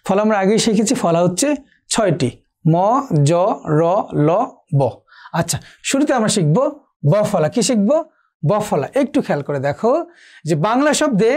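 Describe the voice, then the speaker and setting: A teacher giving an exam-prep lecture on pronunciation rules, asking questions and answering them himself, repeating key points. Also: male voice, very high-pitched, darkish tone. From Bangladesh. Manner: asks and answers own questions, repeats for emphasis.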